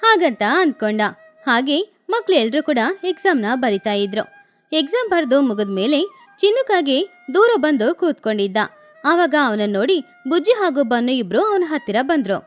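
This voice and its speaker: A woman narrating a cartoon story for children in a steady storytelling manner. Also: high-pitched, moderate pace, soft background music.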